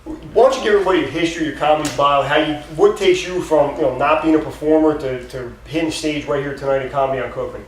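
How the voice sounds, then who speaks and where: A man's voice: fairly high pitch, quick pace, few pauses. Upbeat male interviewer, echoey and distant. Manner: upbeat, direct questions. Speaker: interviewer, host. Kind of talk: casual interview. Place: theater. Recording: echoey, distant, noisy theater recording.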